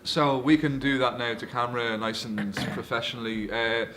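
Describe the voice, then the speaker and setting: A man's voice: medium pitch, level tone, moderate pace, crowd noise. A young man hosting a casual interview, chatty and playful. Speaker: host.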